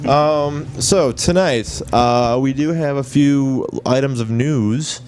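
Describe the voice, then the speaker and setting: A man's voice: mid-range voice, slow, darkish tone. A man hosting a casual radio talk show. He jokes crudely and laughs often. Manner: joking, laughs a lot, crude humor. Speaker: host.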